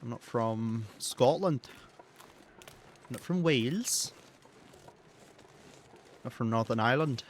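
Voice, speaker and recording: A game streamer from the south of England gives chatty, wry live commentary while playing a video game, with the odd swear and laugh. His medium-pitched voice is animated, yet he takes it slowly with long pauses. There's slight background noise.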